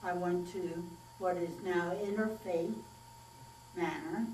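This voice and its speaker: A woman's voice: lowish voice, darkish tone. Elderly woman reminiscing, distant and echoey. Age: 90s. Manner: unhurried, plainspoken storytelling with pauses and fillers. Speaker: interviewee. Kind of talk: oral history interview, reminiscing. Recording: echoey room, distant mic, faint mains hum.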